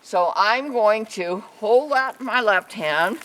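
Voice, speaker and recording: A woman hosting a casual vlog, training an alpaca outdoors and softly reassuring the animal as she explains each step. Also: mid-range voice, expressive, slow, low-quality recording. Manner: soothing repeated reassurances to an animal. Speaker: alpaca trainer and show host. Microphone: camera mic, handheld at times.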